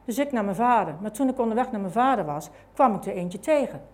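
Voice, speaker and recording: A woman's voice: medium pitch, animated, quick pace, darkish tone. Dutch woman telling her own testimony. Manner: conversational, many fillers and tag questions. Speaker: speaker giving a testimony. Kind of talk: personal testimony told as a story.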